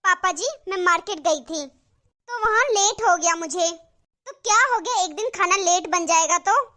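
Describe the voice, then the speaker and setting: A woman's voice: very high voice, unhurried, sharp tone, exaggerated voice. A woman voicing a spoiled, defiant young daughter-in-law in a cartoon, talking in a sulky, complaining way. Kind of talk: cartoon voice acting.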